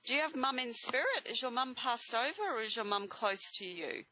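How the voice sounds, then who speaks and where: Bright-voiced Australian woman, reassuring spiritual reader. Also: a little high, animated, a little fast, dry recording, muffled recording. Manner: reassuring, encouraging. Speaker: host giving live psychic readings to callers. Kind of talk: spiritual guidance talk to audience and caller.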